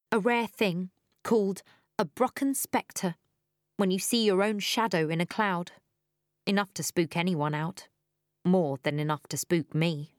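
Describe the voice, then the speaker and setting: A woman's voice: medium pitch, no room sound, clean studio sound. A woman reading a first-person story aloud, wry and dryly humorous, growing breathless in the tense stretches. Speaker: audiobook narrator. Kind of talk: first-person audiobook narration.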